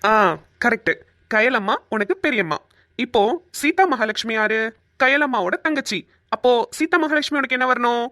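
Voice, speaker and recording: A woman doing a silly excitable cartoon husband. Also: on the high side, normal speed, dry recording, clean studio sound. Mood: comic. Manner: excitable, rambling comic delivery. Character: silly talkative young husband, easily confused. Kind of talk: cartoon voice acting.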